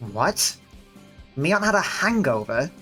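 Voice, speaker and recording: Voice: medium pitch, big pitch swings, slow pace, fairly bright tone, faint music behind, pitched above the performer's own voice. A reader voicing a friendly, playful teenage girl in a visual novel, light and slightly raised. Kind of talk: reading a visual novel aloud.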